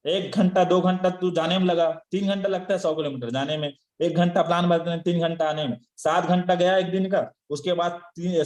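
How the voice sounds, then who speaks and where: A man with a high voice runs a motivational sales training. He scolds his listeners, fires off rhetorical questions and chuckles between points. His voice rings around an echoey room. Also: darkish tone. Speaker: network marketing trainer.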